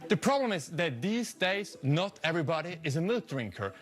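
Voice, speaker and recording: A Swiss magician performs for judges on a TV studio stage before a live audience, delivering dry, tongue-in-cheek scripted comic patter. His fairly high voice swings widely in pitch at a moderate pace, with audience sounds and music in the recording.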